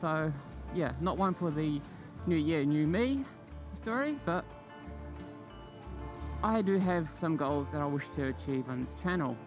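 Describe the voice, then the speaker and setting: Male vlogger, fairly high voice, off-the-cuff and meandering, loud music behind him. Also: lively intonation, measured pace, lo-fi sound. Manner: rambling, loosely organised delivery. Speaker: motovlogger and channel host. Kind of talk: casual, unscripted vlog chat.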